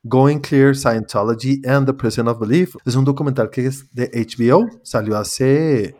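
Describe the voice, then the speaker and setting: A man hosts a laid-back review podcast, talking in an easygoing, conversational way. His voice sits at an ordinary middle pitch. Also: a little slow. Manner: relaxed, conversational, leads the talk. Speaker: podcast host. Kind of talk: casual review chat.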